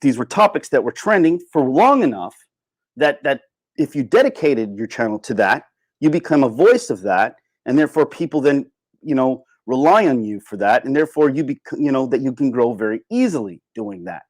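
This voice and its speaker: With big swings in pitch from a mid-range voice, a man moves at a moderate pace through an off-the-cuff livestream rant, reading and answering chat. He rambles and repeats phrases to underline them. The sound is dry, with no room in it.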